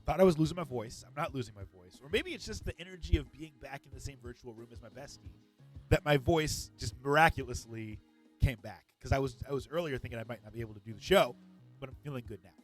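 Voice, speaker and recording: A comedian co-hosting a gaming podcast tells stories fast and animatedly in a medium-pitched voice, with soft music playing behind him. The chat is casual, and he's enthusiastic, upbeat and full of jokes.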